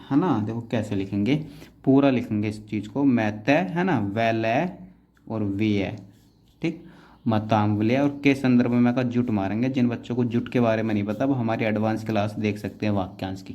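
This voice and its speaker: A man teaching shorthand in a class, explaining each outline step by step and often checking in with quick tag questions. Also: mid-range voice, a little mellow, muffled recording. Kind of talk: classroom explanation while writing.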